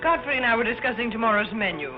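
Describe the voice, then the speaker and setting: Woman playing a fast, haughty 1930s film socialite. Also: on the high side, lively intonation, close to an everyday voice. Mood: cool, arch. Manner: clipped, needling. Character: haughty, sly, spoiled young rich woman. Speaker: actress in a film. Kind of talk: 1930s screwball film acting. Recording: muffled 1930s film soundtrack with music.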